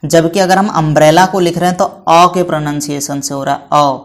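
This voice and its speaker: A man's voice: on the high side, fairly even intonation, fairly quick. Male teacher quizzing young students patiently. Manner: patient, asks questions and answers them himself; calls students "beta" affectionately. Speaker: English teacher. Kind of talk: classroom lesson for children.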